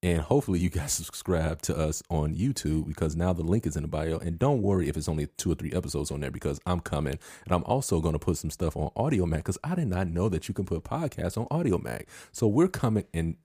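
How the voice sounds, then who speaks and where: A young man with a very low, deep voice, talking loosely as a podcast co-host. He is relaxed, chuckles often and keeps urging listeners to subscribe. The sound is dry and close, with no room behind him. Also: fast talker, few pauses, husky, dry recording. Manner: laid-back, laughs often, plugs the show. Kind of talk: casual chat.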